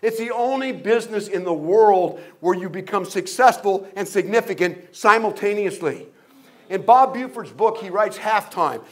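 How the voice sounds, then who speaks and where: A man with a high-pitched voice delivers a motivational talk to an audience as an invited guest speaker. He tells humorous stories, throws rhetorical questions at the crowd and acts out other people's voices along the way. He sounds older and seasoned. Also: normal speed. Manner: humorous storytelling with jokes and acted-out voices.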